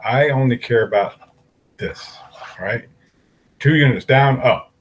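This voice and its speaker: Husky-voiced man teaching algebra. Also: mid-range voice, slow pace, rough recording. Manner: talks through problems step by step, asking questions aloud. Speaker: math teacher. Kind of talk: recorded algebra lesson.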